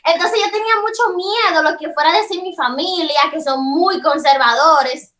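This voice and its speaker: High, bright Dominican woman telling stories. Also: normal speed. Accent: Dominican Spanish. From Dominican Republic. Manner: animated, expressive, laughs often. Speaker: comedian and video creator, interview guest. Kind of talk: casual interview storytelling. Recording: roomy echo, voice from a distance.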